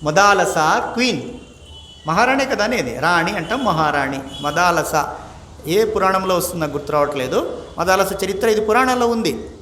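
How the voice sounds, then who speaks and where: A swami with a high voice gives a spiritual discourse and keeps questioning his listeners. Now and then he slowly chants a verse, and English words slip into his talk. The sound is roomy and echoey, with a faint hiss behind it. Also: lively intonation, bright, forceful tone. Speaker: swami teaching the Gita. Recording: echoey room, faint background noise.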